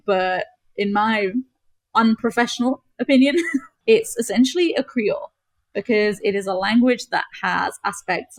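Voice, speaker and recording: A young woman from Gibraltar chats as a podcast guest, explaining at length and leaning on "like" as she goes. Her voice sits at a middle pitch. The sound is dry and close, with no room echo. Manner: chatty, explanatory, frequent "like" fillers. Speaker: podcast guest, travel creator. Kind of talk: casual chat.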